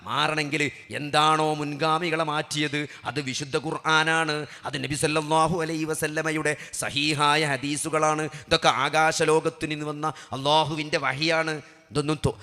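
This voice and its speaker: A man preaches with passion, dropping to a hush and then rising to loud emphasis. His voice sits high and is very bright and cutting. The sermon rings out with a long hall reverb. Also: little pitch movement, normal speed. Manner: impassioned, swings from hushed to loud emphatic preaching; rhetorical questions to the audience. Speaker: Islamic preacher.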